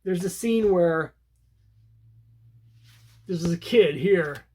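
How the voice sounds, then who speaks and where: A man's voice: high-pitched, drawn-out words, darkish tone. A man talks through an old comic book in a loose, rambling review, full of ums and restarts. His delivery stays conversational and unscripted as he retells the story page by page.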